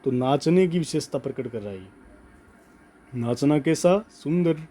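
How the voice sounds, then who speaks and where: A male teacher leads a grammar lesson, dictating notes word by word and repeating himself so students can keep up. His voice is mellow and dark in tone, sitting at a middle pitch. He keeps checking in with a steady "okay" between points. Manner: slow emphatic dictation, repeats words, frequent "ठीक है".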